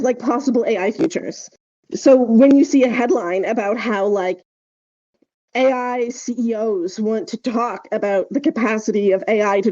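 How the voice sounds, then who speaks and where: Her fairly high, mellow voice is recorded with the highs cut off as she hosts a podcast. Explaining things casually and emphatically, she peppers her talk with filler words and check-in questions, hedging with lots of "like" and "right?".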